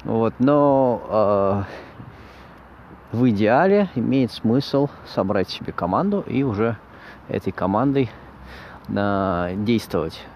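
A man hosting an informal podcast monologue, speaking haltingly in broken phrases as he searches for words. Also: fairly low pitch, expressive, a little mellow, slight background noise. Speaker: podcast host.

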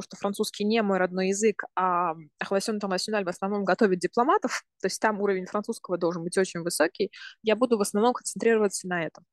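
A Russian university student in her twenties joins a podcast as a guest, talking casually and explaining things step by step, often pausing to rephrase. Her voice is medium-pitched, and there's no echo.

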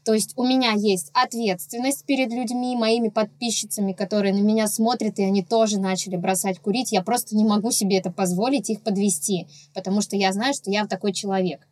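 A woman's voice: mid-range voice, fairly even intonation, fairly quick, hardly any pauses, a little mellow, dry recording. A woman blogger talking candidly and earnestly about her own experience in a casual podcast conversation.

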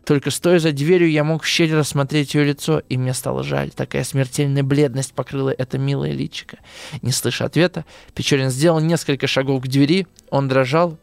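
A man's voice: medium pitch, fairly even intonation, brisk, creaky, smooth, dry recording, natural voice. A man reading aloud as a plain-spoken older army captain telling a story. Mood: wistful.

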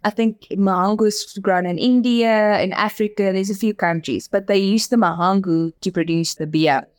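Speaking at a moderate pace in a mid-range voice, this woman from Namibia carries an Afrikaans accent. She's an agency director giving an earnest interview, frequently repeating words as she gathers her thoughts.

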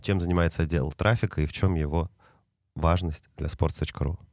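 A man's voice: low-pitched, fairly even intonation, brisk, darkish tone, dry recording, clean studio sound. A man hosting a podcast, introducing the show and putting questions to a guest. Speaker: podcast host.

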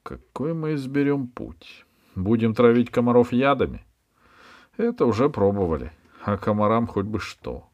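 A man's voice: mid-range voice, lively intonation, moderate pace, darkish tone, highs cut off, voice pushed up, lightly acted. A man reading aloud and voicing a proud, impatient young male biologist who lectures eagerly in a lifted voice. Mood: lecturing.

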